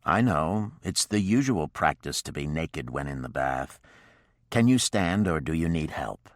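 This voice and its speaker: A man's voice: rumbling low, lively intonation, normal speed, no echo, studio quality. A man voicing a stern, patient frontiersman in an audiobook, speaking in a curt, matter-of-fact way.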